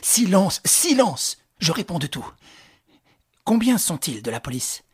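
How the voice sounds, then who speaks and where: A reader voicing a calm, commanding young gentleman. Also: mid-range voice, unhurried, breathy edge, pitched above the performer's own voice, exaggerated voice. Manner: firm, clipped orders.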